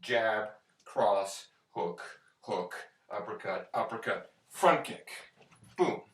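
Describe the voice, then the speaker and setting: Echoey, low-voiced man coaching boxing combos. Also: slow pace, fairly bright tone. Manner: boxing coach calling out combos in short counts. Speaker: fitness and kickboxing instructor. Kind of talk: workout instruction, talking through moves. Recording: echoey room, distant microphone.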